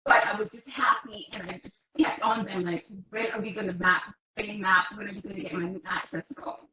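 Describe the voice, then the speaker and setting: A woman's voice: medium pitch, fairly even intonation, brisk, sharp tone, slight background noise. Woman on a breaking-up call line. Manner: earnest, advising. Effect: choppy, breaking-up online call audio. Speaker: patient speaker. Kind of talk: webinar presentation. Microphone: remote call microphone, too far off. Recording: dull, lo-fi call audio that breaks up.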